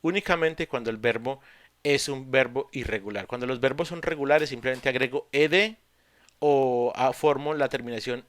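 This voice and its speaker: A man teaching English in an online class, explaining patiently step by step with pauses and fillers. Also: mid-range voice, fairly bright tone, no room sound. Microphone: computer mic on a video call.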